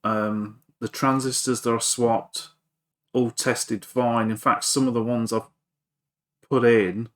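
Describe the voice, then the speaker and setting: Speaking slowly in a level, medium-pitched voice, a hobbyist electronics repairer who presents videos talks through a workbench repair. His commentary is casual, halting, meandering and modest.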